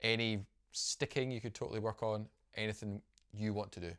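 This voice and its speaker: A man's voice: on the low side, steady tone, a little fast, fairly bright tone, clear, resonant tone. A man teaching a drum lesson at a practice pad, upbeat and explanatory, counting rhythms aloud. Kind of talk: instructional video lesson.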